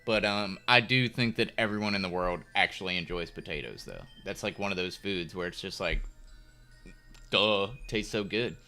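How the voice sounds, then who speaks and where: A man's voice: low voice, brisk, few pauses, bright, forceful tone. A young man chatting casually on a chess stream, rambling and laid-back with lots of fillers. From United States. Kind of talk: casual live-stream chat. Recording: faint music behind.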